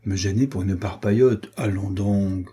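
A man's voice: sits low, steady tone, warm tone, slightly rough, heavily acted. Man doing a mocking young marquis. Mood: teasing. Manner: jeering, quick with taunts.

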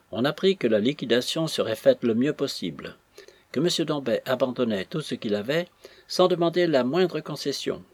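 Man, audiobook narration, husky voice, measured steady reading, dry close sound. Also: mid-range voice, no room sound. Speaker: audiobook reader. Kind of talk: scripted narration of a classic novel.

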